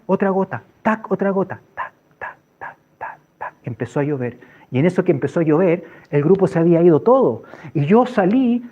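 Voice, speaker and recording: A man with a high voice preaches a testimony, acting it out with vivid storytelling and little sound effects. The recording is dull and lo-fi. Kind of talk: sermon testimony.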